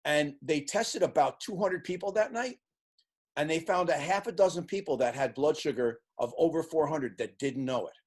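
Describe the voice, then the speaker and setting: A man in his sixties, an interview guest who tells lively stories and acts out the voices of the people in them. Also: fairly high pitch, moderate pace, breathy edge. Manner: animated storyteller acting out quoted voices. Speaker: interview guest, sports team executive. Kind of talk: casual storytelling in an interview.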